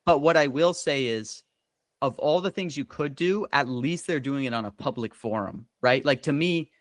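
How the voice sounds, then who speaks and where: A man's voice: mid-range voice, no room sound. A man with an ordinary mid-range voice gives careful opinions on a podcast. He stammers a little before making his point. The sound is close and dry. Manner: hesitant, measured opinions. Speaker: podcast co-host. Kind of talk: casual podcast discussion.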